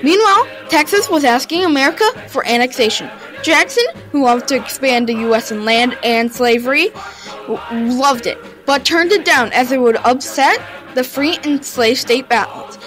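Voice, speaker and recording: A woman's voice: high-pitched, normal speed, fairly bright tone, faint music behind, rough recording. A woman reading a history narration for her own video, informal and a little stumbling, with sudden upward jumps at each new turn in the story. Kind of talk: read-aloud history narration.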